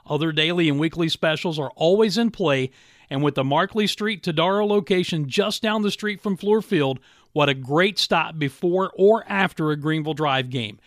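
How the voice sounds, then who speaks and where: A man's voice: on the high side, normal speed, a bit bright, no echo, studio quality. A man reading a scripted advertisement in a chipper, emphatic sales style as a radio host. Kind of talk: upbeat scripted advertisement read.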